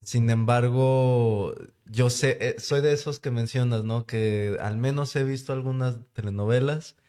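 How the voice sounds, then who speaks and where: A man's voice: mid-range voice, fairly even intonation, measured pace, mellow, clean tone. Reflective man on a podcast. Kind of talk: casual podcast conversation.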